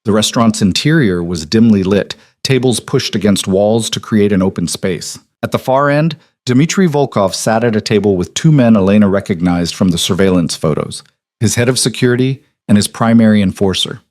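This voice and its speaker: A man reading a dramatic story aloud in an even, steady scripted narration. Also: fairly low pitch, normal speed, no room sound, studio quality.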